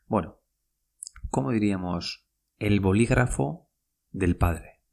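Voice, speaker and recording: A man's voice: fairly low pitch, slow pace, creaky, darkish tone. A man teaching a podcast language lesson, patient and repetitive, spelling out words and saying each phrase twice.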